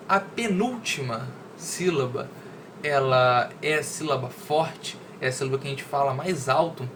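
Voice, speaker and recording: A man's voice: on the high side, noisy background. Man teaching a grammar lesson. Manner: conversational, checks understanding with "né?" and "entendeu?". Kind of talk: reading a poem, then explaining a grammar lesson.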